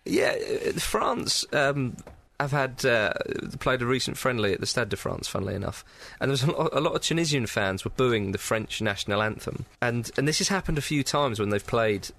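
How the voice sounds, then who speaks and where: A man's voice: mid-range voice, lively intonation, moderate pace, creaky, few pauses, a bit bright. A man hosting a casual football chat, rambling with many ums and restarts.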